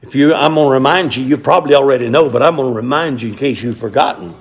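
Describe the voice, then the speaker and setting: A middle-aged man preaching a sermon, telling folksy stories and rising to shouted emphasis. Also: medium pitch, fast talker.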